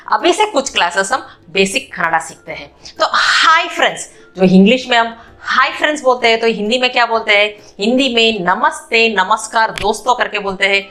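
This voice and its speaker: Woman teaching beginners at a board, bright voice, says every word slowly a few times. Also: a little high. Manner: repeats each word slowly several times. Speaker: language teacher. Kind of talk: explaining a beginner language lesson. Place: room with a whiteboard.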